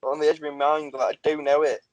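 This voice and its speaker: A man's voice: on the high side, level tone, fast talker, muffled recording. A man hosting a casual football podcast, chatty and self-deprecating, laughing often. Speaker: podcast host.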